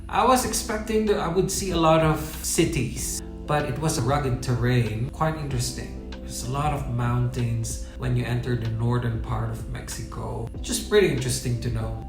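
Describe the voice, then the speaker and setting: A man from the Philippines talks through his travel impressions in a relaxed, chatty vlog, with a gravelly edge to his voice. His voice rings in an echoey room over clear guitar music. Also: medium pitch. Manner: chatty, reflective, laughs at himself. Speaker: travel vlogger. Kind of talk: casual vlog monologue.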